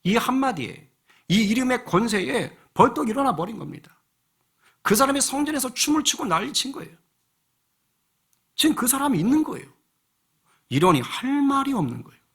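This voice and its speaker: Husky-voiced pastor preaching with lively fervor. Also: male voice, high-pitched. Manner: animated preaching, rhetorical questions to the congregation. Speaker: senior pastor. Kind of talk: sermon. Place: church sanctuary.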